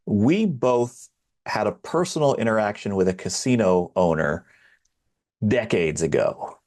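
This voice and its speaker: A man co-hosting a podcast, chatting casually with a relaxed, teasing, deliberate manner. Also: on the low side. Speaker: podcast co-host. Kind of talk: casual interview chat.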